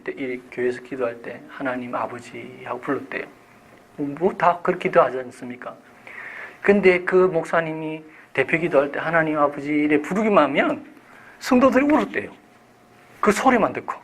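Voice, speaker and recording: A male pastor delivers a sermon in a fairly high voice. He drops some phrases to a hush and pushes others out loudly. He asks his listeners questions and answers them himself. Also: slight background noise, low-quality recording. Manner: dynamic preaching, swings from hushed to loud emphasis.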